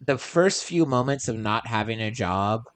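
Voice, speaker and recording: A man's voice: medium pitch, animated, normal speed, fairly bright tone, dry recording. Man musing aloud as podcast host. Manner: meandering, thinks aloud with restarts. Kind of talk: casual podcast chat.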